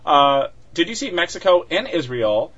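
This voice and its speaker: A man's voice: fairly high pitch, big pitch swings, moderate pace, fairly bright tone. A man co-hosting a podcast in casual chat, talking with many fillers and restarts and laughing often. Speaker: podcast co-host. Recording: dull lo-fi sound.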